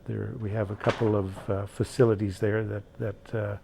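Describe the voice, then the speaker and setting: A man who sits on a housing board, answering slowly with many "uh" pauses. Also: fairly low pitch, level tone, vocal fry. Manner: slow and deliberate, many "uh" pauses. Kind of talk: interview answers. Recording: faint background noise.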